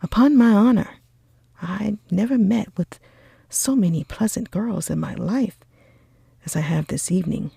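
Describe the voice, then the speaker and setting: A woman voicing a lively, friendly young gentleman in an animated, breathy ASMR role-play of a classic storybook. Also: lowish voice, slow pace, pauses often, no echo, studio quality, heavily acted. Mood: enthusiastic.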